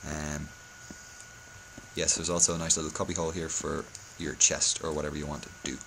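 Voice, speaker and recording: Very deep, hungover man, flat delivery. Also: brisk, a little hiss or hum, poor audio. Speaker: video tutorial host. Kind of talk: casual game building tutorial commentary.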